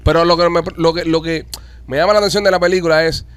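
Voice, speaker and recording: A man talks fast on a casual podcast, with a voice pitched a bit above the usual male range. He rambles through a story, swears freely and keeps restarting his sentences. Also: steady tone. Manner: rambling and profane, with many restarts. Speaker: podcast host. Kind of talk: casual chat.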